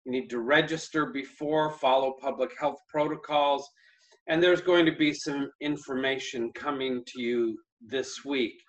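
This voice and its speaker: A middle-aged man speaking as a pastor in a casual church message, gentle and chatty with many fillers and pauses. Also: medium pitch.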